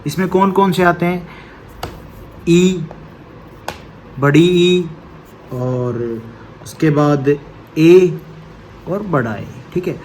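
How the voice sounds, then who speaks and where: A man with a somewhat high voice teaches an exam-prep grammar lesson. He explains patiently, step by step, asks a question and answers it himself, and checks each point with a quick "okay". A faint noise sits under his voice. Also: darkish tone.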